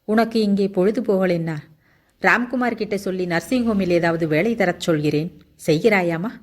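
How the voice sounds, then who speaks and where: A woman narrator voicing a kind, motherly older woman who speaks gently and reassuringly. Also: mid-range voice, moderate pace, lightly acted. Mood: gentle.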